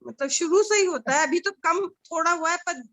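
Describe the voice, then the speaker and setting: A woman's voice: extremely high pitch, moderate pace, a bit bright, no room sound. A woman taking part in a casual spiritual discussion, earnest and questioning. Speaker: participant.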